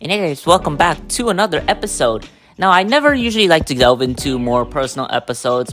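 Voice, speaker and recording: Hosting his own podcast in New York City, a man gives a casual, unscripted review of a show. He talks in a chatty way, full of fillers and restarts. His pitch is medium and his tone fairly bright.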